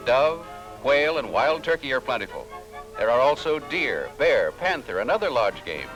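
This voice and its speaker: An old-fashioned newsreel narration from a man with a middle-pitched, lively voice that rises and falls freely. He sounds upbeat and promotional throughout. Loud music plays under his scripted voice-over. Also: moderate pace, low-quality recording.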